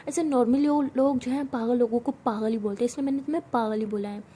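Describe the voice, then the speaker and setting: Casting: woman reading as a touchy college senior girl, high voice, mellow tone, theatrical indignation. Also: steady tone, quick pace, slight background noise, close to an everyday voice. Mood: bickering. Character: dramatic, touchy young college woman, a self-styled senior.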